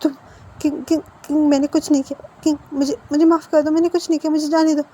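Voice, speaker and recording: A woman's voice: high-pitched, flat delivery, fast, mellow, pitched above the performer's own voice, lightly acted. A woman voicing a terrified captive man tied to a chair, begging and panicked.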